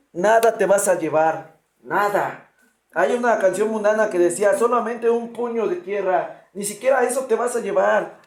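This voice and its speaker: High-voiced preacher in an echoey room. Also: male voice, a little mellow. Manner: earnest, direct address to the congregation. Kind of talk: sermon.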